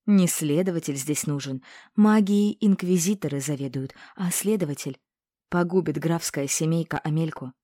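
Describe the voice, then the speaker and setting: Fierce, bossy witch, woman reader voicing her sharp and commanding, in a dry, warm-toned read. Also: sits low, moderate pace, no room sound.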